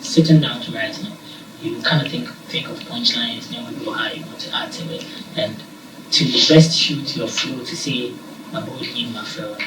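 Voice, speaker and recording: A man, a musician guest, chatting casually in an interview. He talks in an animated way, laughs often and breaks into shouts when excited. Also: medium pitch, normal speed. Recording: roomy, from a distance, noisy background.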